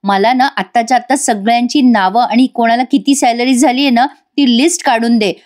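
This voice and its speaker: A woman's voice: a little high, fairly even intonation, normal speed, a little mellow, natural voice. A woman doing a bossy, commanding mother.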